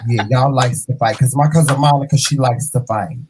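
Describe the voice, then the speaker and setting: A man in his fifties hosting a casual interview, animated and playful, calling his guest "child" and "honey". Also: mid-range voice, fairly quick, a little hiss or hum, low-quality recording. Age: 50s. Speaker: host.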